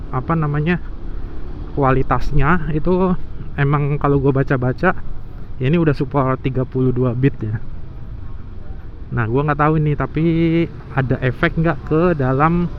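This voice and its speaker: A motovlogger with a mid-range voice chats casually to viewers while riding a motorbike outdoors. He's recorded on an intercom mic inside his helmet, so the sound is dull and loud traffic noise comes through.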